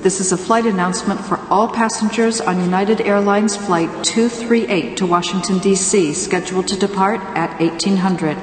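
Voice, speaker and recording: A woman playing an airport flight announcer, reading a formal public-address announcement in a measured way and spelling out the numbers. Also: mid-range voice, steady tone. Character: calm adult female airport flight announcer. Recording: echoey hall with long reverb.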